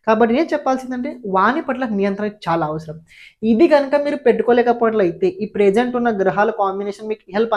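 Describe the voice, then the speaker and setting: A woman's voice: medium pitch, mellow, lo-fi sound. A woman astrologer giving a horoscope forecast, explaining planetary positions and giving viewers direct advice, often repeating key phrases for emphasis.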